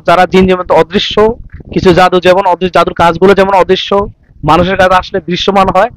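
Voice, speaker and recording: A man's voice: high-pitched, low-quality recording. A man working as a religious healer, questioning a family and then preaching to viewers with Arabic blessings.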